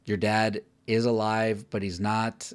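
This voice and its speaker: Male film-review co-host, lowish voice, chatty and candid, restarts often. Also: little pitch movement, takes it slowly, clear, resonant tone. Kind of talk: casual film review chat.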